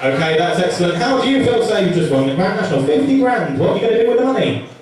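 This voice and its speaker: A man's voice: high-pitched, very animated, very fast, crowd noise. A man working as a stage hypnotist at a live show, giving repetitive, commanding suggestions to volunteers. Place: large indoor stage show venue. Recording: echoey hall, distant mic, loud music. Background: loud music.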